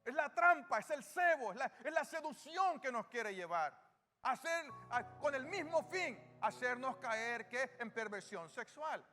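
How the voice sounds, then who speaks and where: This pastor talks a little slowly with an extremely high pitch, a sharp tone, and lively intonation, his accent Salvadoran Spanish. His sermon relies on call-and-response, asking the congregation questions and answering them, inside an echoing church hall with music.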